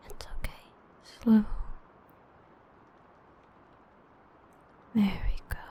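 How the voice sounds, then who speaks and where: In an ASMR roleplay, a woman plays an obsessive, protective villain with destructive powers, whispering softly, tenderly, and possessively into a close mic. Her voice is mid-range with a breathy edge, and the sound is lo-fi.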